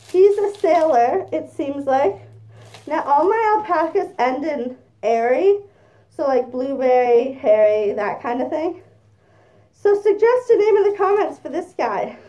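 High-voiced woman talking through a costume head. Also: a little slow, dull audio. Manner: chatty and excitable, gushing over gifts. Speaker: vlogger. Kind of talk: casual unboxing chat.

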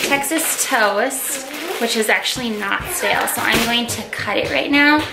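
A woman's voice: on the high side, measured pace, creaky, over loud music, rough recording. A woman in her twenties chatting casually as she meal-preps in her home kitchen, explaining each step with lots of fillers, filmed on a handheld camera. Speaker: vlogger. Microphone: handheld camera, sometimes close selfie framing, sometimes far. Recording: home recording with loud kitchen noise.

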